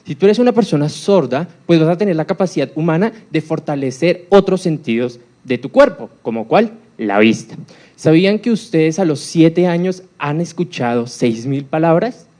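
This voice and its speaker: A man's voice: on the high side, dark tone. A man giving a live talk in a university hall, often putting questions to the audience. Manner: engaging, quizzes the audience with questions. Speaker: speaker on accessibility for deaf people.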